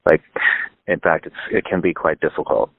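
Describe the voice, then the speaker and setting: A low-voiced man in his fifties talks over a thin, phone-like line. He is from Northern California and chats loosely as a guest, circling back, restarting and dropping "like" as he goes. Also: steady tone, normal speed, gravelly. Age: 50s. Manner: rambling, lots of "like" and restarts. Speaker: guest musician. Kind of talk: casual phone interview.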